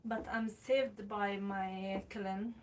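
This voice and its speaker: A woman from Sweden hosts a pottery livestream from a warm studio room, chatting in an unhurried way as she greets viewers and answers their comments. Her voice sits a little back from the mic. A faint hum of room ambience stays under her speech. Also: mid-range voice, steady tone, distant mic, low-quality recording. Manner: chatty, reads viewer comments aloud while working clay. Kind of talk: casual livestream chat.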